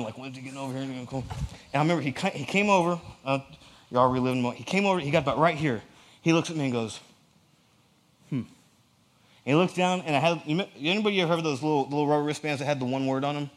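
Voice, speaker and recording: A man preaching a casual, lively sermon in a church, joking with the congregation. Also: fairly high pitch, fast. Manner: animated, joking asides to the audience.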